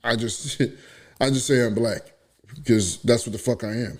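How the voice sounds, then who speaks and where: Speaking at normal speed in a medium-pitched voice, this Bronx, New York man hosts a relaxed podcast conversation. His storytelling is highly animated, and he performs the quoted voices as he goes.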